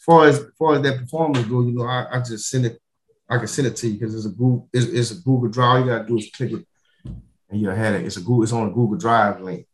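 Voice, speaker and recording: A male comedian talking as a guest in a loose, slangy conversation. He repeats phrases as he works toward his point and peppers it with bro and you know, in an average-pitched voice. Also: steady tone, quick pace, echoey room, poor audio. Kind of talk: casual slangy chat.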